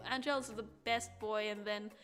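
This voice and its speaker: A woman streaming a game, reading it aloud and joking in an animated way. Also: mid-range voice, moderate pace, soft background music. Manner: animated, jokey, laughs often. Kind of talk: let's play, reading aloud.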